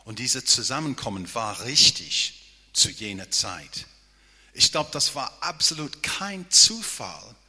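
Speaking slowly and without hurry, a male pastor gives an earnest sermon in a mid-range voice that is very bright with a husky grain. He keeps checking in with the congregation by asking "ja?". A long church-hall reverb trails his words.

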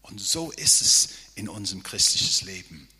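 A man's voice: low voice, very animated, normal speed, pushed and bright, husky. A man preaching a sermon as pastor, earnest and often checking in with his listeners with a questioning "ja?". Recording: long hall reverb.

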